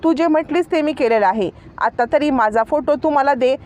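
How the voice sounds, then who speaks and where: A woman's voice: sits high, normal speed, darkish tone, voice pushed up, natural voice. A woman voicing a vengeful proud young woman. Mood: defiant. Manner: defiant, bitter.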